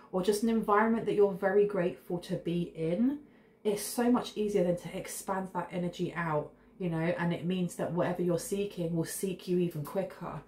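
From an echoey home kitchen with faint hiss in the background, a tarot reader in her thirties talks to camera in a medium-pitched, darkish voice. She's sniffling with a cold, and her casual reading is chatty and intuitive, full of rambling asides.

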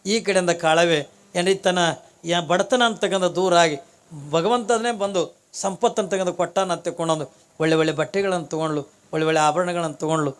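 A man with a North Karnataka Kannada accent, a religious preacher telling a devotional story in an animated way, often addressing the audience. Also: high-pitched, smooth. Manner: animated storytelling, frequent "enri" asides to the audience.

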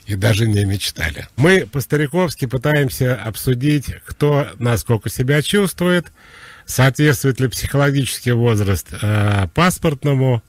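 A man giving psychological advice on a radio call-in show, explaining in a relaxed, conversational way. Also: medium pitch, a little slow, dry recording.

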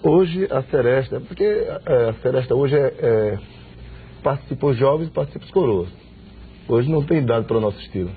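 A man's voice: medium pitch, brisk, a little hiss or hum. Middle-aged man from Sergipe, tinny sound. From Sergipe, Brazil. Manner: relaxed, many hesitant fillers. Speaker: band singer. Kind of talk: casual interview chat. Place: TV studio. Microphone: lapel. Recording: tinny lo-fi broadcast audio with guitar.

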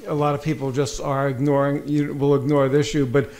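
Flat-voiced board member man. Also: mid-range voice, brisk. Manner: apologetic, hesitant with fillers. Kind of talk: meeting remarks.

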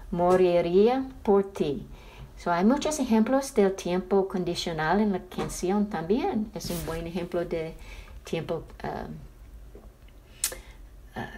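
A woman teaching a language lesson, explaining slowly and carefully and often restarting her sentences. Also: medium pitch, mellow.

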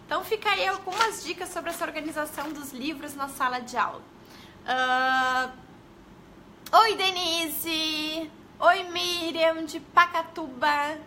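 Her voice high and bright, a young Brazilian educator specializing in early literacy talks casually on a live stream at a measured pace. She greets the audience, tags her lines with questions, and sounds sharp and forward, with a Brazilian Portuguese accent. Slight background noise is audible.

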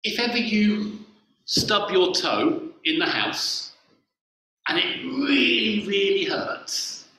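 Slowly and very animatedly, a vicar in his forties leads games as part of a playful all-age sermon, his high voice pushed and bright. He stands in a church hall with a lectern, recorded from a distance by a camera on the floor, so the room echoes.

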